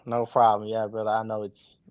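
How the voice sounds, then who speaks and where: A man's voice: fairly low pitch, completely flat delivery, fairly quick. A man with an Arabic accent calling in and telling his account casually, politely and hesitantly, often repeating himself. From Saudi Arabia. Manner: hesitant, repetitive, polite, addressing listener as brother. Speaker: caller.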